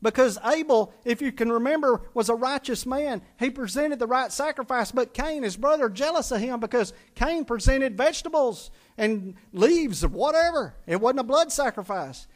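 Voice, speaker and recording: High-voiced emphatic preacher man. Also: expressive, normal speed, few pauses. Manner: emphatic, repetitive rhetorical questions. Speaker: pastor. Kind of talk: sermon.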